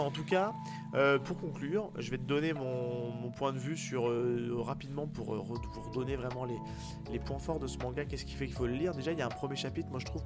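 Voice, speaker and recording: A man with a tired, worn voice after a day out in the cold, chatting casually and enthusiastically as a podcast co-host reviewing manga. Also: mid-range voice. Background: music behind the talk.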